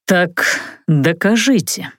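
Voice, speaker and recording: A woman's voice: lowish voice, no room sound, studio quality, pitched below the performer's own voice. A woman voicing a smug, teasing young male mage. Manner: calm, teasing, unhurried. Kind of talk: audiobook character voice.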